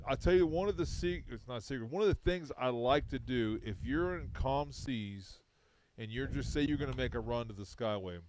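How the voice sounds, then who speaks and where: A man's voice: medium pitch, a little mellow, a little hiss or hum. A man co-hosting a fishing radio show, sharing tips in casual, rambling chat with many restarts.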